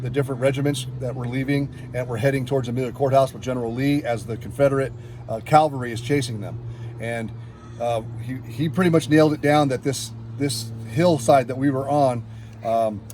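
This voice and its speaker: Speaking fairly quickly with fairly even intonation, a man from California rambles on about his metal detecting hobby and voices the quoted back-and-forth. His medium-pitched tone is a little mellow, and a little hiss or hum sits under the recording.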